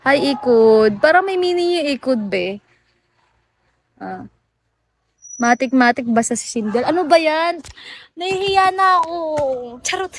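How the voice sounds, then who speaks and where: A woman from the Philippines chats casually with viewers on a phone livestream, her voice sitting high. She teases, laughs often and slips easily between languages. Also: lively intonation, unhurried, long pauses, slight background noise. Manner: playful and teasing, laughs often, mixes in English. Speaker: livestream host.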